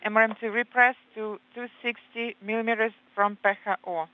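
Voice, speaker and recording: A woman interpreting live space radio exchanges in short, halting, procedural communicator phrases. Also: a little high, fairly even intonation. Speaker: simultaneous interpreter. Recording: tinny, phone-like radio link.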